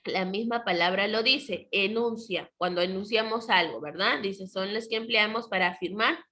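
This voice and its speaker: A woman teaching a primary school class over a video call, patiently asking the children questions and often clearing her throat. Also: mid-range voice, normal speed, bright, forceful tone. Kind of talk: online class lesson.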